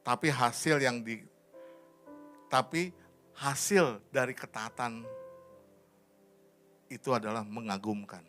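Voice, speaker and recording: A male pastor preaching in a church, his voice rising high and pleading when he presses a point, then sinking soft. He drops English phrases into the sermon. Faint instrumental music plays behind him. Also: slow, pauses often. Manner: rises to a high impassioned pitch. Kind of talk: sermon and prayer.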